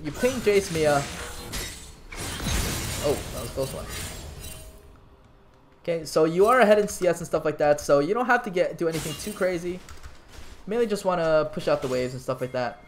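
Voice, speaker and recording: A man's voice: on the high side, a little hiss or hum. A man casually coaching a player through a game replay, talking in loose, restarting sentences. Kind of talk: casual gameplay analysis commentary.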